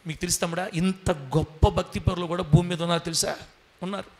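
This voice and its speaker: A man's voice: high-pitched, fairly even intonation, fast, darkish tone. A male pastor preaching a sermon, telling stories emphatically and calling out for amens. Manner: emphatic storyteller, rousing calls for amen.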